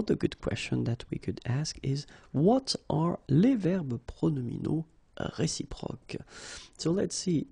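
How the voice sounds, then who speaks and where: A man's voice: on the high side, creaky, mellow, breathy edge. A man with a French accent and French as his first language, teaching a grammar lesson in a patient, explanatory way. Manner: patient, explanatory, says "okay" often.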